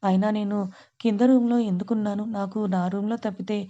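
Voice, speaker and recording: A woman reading the lines of a young adult man who speaks in a brisk, matter-of-fact way. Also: mid-range voice, fairly even intonation, dark tone, dull audio, natural voice.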